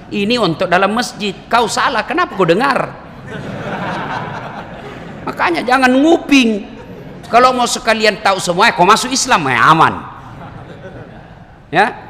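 A man's voice: high-pitched, sharp tone, long reverb tail. A man preaching a sermon, telling stories with humor and acted quotes. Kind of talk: sermon to a congregation.

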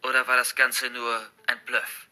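A man narrating a horror story in the first person, tense and hushed in the suspense passages. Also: medium pitch, completely flat delivery, a little slow.

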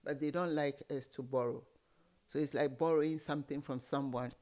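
A man with a fairly high-pitched voice tells stories from his childhood. He explains things in an animated way and drops in many small asides as he goes. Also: brisk. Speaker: guest. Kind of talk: storytelling in an interview.

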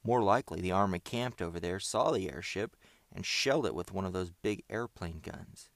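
A man's voice: deep voice, normal speed, dry recording. A man reading the part of a practical, agreeable companion who speaks in a matter-of-fact way.

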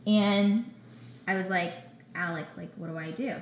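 A young adult woman who founded a small bakery tells her story casually as a guest on an interview podcast. She's animated, acting out conversations in quick back-and-forth. Her voice is medium-pitched, with slight background noise in a roomy, echoey space.

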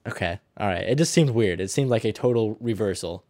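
Laid-back male co-host, lowish voice, hesitant delivery, dry close mic. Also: animated, fairly quick, darkish tone, no room sound. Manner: laid-back, hesitant, many short agreements. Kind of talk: casual movie discussion.

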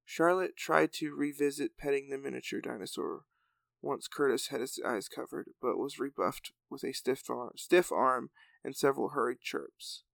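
A man hosting a podcast, reading his serialized story aloud and then chatting in a relaxed way with fillers. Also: medium pitch, normal speed, creaky, no room sound.

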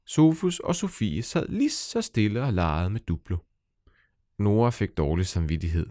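Animated man reading a kids' story. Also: lowish voice, dry recording, studio quality. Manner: playful, animated, speaking directly to children. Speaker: storyteller and author. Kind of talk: children's story narration.

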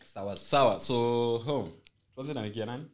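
A man's voice: medium pitch, brisk. A young man with a Kenyan accent hosting a podcast in casual, joking, teasing banter. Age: young adult. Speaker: podcast host.

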